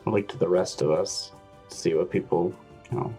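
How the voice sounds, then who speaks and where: A man's voice: low voice, normal speed, warm tone, faint music behind. A man playing a tabletop role-playing game, talking casually with the group.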